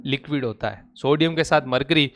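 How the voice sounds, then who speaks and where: A male teacher giving a classroom lecture, firing quick questions at his students and coaxing answers out of them with a familiar, urging manner. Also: mid-range voice, fairly bright tone. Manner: drills students with rapid questions; coaxing, calls students "beta".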